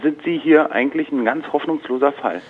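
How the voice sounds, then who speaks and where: On a tinny, narrow-band phone line with slight background noise, a man who works at a dubbing studio takes a business call. His voice is on the high side and brisk, and he talks in a wordy, hedging way that stays polite while brushing the caller off.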